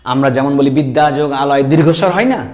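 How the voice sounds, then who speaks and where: A middle-aged man teaching an online grammar lesson. He explains step by step with many fillers and throat clearing, and keeps asking if the students follow. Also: mid-range voice, brisk, darkish tone. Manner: explains step by step, often asking "কেমন?" to check understanding.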